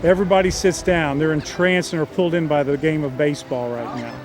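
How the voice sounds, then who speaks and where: A man's voice: fairly high pitch, fairly even intonation, fast talker. Casual man telling a story over music. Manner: casual, with fillers and restarts. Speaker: screenwriter. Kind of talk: storytelling a film synopsis. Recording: music playing behind.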